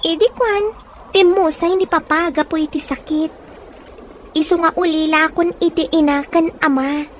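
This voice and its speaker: A woman with a very high-pitched voice voices a poor but resilient young orphan in an acted audio drama, speaking at normal speed in a steady tone. Her character is plain-spoken and caring, with a northern Philippine accent and a sorrowful mood. Faint background noise sits under the recording.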